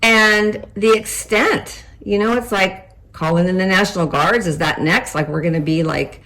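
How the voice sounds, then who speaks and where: An older woman co-hosting a casual chat, telling animated stories and laughing often. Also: medium pitch, normal speed, low-quality recording. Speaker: co-host.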